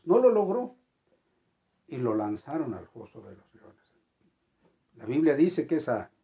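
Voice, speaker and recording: Preacher, gravelly dark voice, swings loud and soft, repeats stuff a lot. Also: mid-range voice. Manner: animated, emphatic swings between loud and quiet; repeats and restarts phrases. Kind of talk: sermon.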